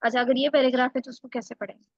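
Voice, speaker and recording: A woman's voice: sits high, level tone, racing, no echo. Corrective woman tutor, dry lo-fi sound. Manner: coaching, corrective, explains step by step. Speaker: English exam tutor. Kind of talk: one-on-one online lesson.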